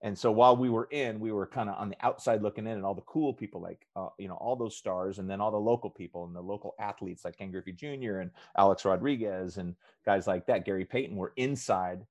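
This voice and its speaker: A middle-aged man, a podcast guest, telling a story in a relaxed chat and acting out the voices he quotes. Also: fairly low pitch, fast, few pauses, dry recording. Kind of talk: casual storytelling.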